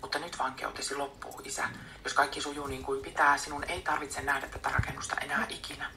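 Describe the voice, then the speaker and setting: A woman's voice: low voice, flat delivery, vocal fry, noisy background. Woman whispering as a determined teen girl. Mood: hopeful. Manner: soft unvoiced whisper. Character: determined teenage girl rescuing her father. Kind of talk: whispered role-play.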